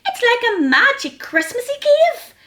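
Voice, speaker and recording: A woman voicing a cheerful, helpful mouse in a children's storybook, with bright exclamations. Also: very high-pitched, sing-song, a little slow, voice pushed up, exaggerated voice. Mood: excited. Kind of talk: storybook character voice.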